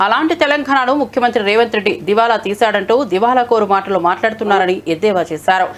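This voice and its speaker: A woman news anchor reading scripted bulletin items in a brisk, formal manner. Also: medium pitch. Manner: brisk, formal newsreader delivery.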